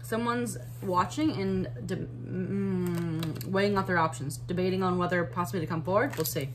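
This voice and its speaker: A woman's voice: fairly low pitch, normal speed, background noise. A woman giving a casual tarot reading, chatty and thinking aloud with fillers and little laughs. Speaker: tarot reader.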